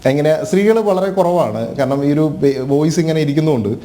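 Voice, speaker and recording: A man's voice: a little high, quick pace. A man from Kerala, a mimicry artist, talking casually and agreeing eagerly in a TV interview. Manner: relaxed, affirming, eager to agree.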